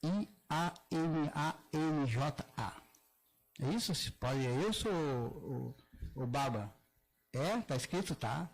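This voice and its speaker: An older man from southern Brazil, a religious elder giving a halting public talk with many restarts and slowly drawn-out demonstration words. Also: on the high side, expressive, rough recording. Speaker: Afro-Brazilian religious elder speaking at a gathering. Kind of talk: public talk, explaining pronunciation.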